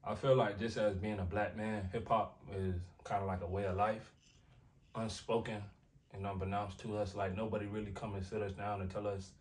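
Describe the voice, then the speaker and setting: At a normal speed and with little pitch movement, a young man from the United States, a rapper, speaks in a lowish voice during a relaxed interview. He's slangy and uses lots of filler, especially "like" and "you feel what I'm saying." The recording was made from a distance.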